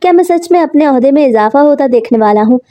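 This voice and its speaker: A man's voice: very high voice, fairly even intonation, brisk, dark tone, dry recording. A woman reading the lines of a young husband in a spoken story, loving at first and later harsh and scolding. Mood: overjoyed. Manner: overjoyed then harsh and scolding.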